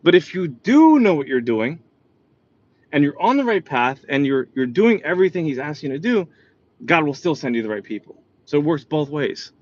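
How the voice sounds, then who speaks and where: A man's voice: a little high, normal speed, dry recording. A man from New York with a New York accent, giving a motivational talk full of personal stories and often asking "right?". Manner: animated, repeats "right?". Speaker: motivational speaker. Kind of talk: motivational storytelling. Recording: dull lo-fi sound.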